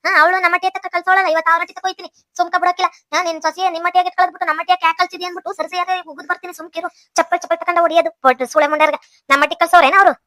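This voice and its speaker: A woman acts out a shrill, rapid-fire village scold from a cartoon, tearing into her family with a North Karnataka Kannada accent. The voice sits very high and races along, bright and sharp, in a close, dry recording. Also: level tone, no echo. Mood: furious. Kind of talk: cartoon voice acting.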